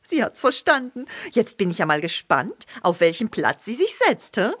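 A woman voicing a patient hen who keeps gently correcting the rooster, in a children's audiobook. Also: a little high, huge pitch swings, dry recording, heavily acted. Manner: gently correcting, soothing, unhurried. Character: patient, know-it-all hen, Serge's companion.

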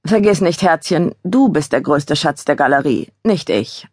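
A woman's voice: low-pitched, animated, unhurried, darkish tone, slightly rough, no echo, clean studio sound, heavily acted. A woman doing a camp, teasing male gallery colleague. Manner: theatrical, mocking, laughing.

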